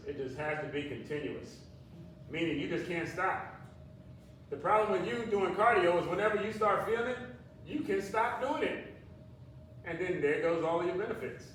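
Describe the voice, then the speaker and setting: Male fitness instructor talking informally to a class, high-pitched, plain-spoken, distant in an echoey room. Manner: plain-spoken, checks in with "okay" often. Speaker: group exercise instructor for seniors. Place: large echoey indoor room at a senior center. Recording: echoey room, distant mic, faint noise.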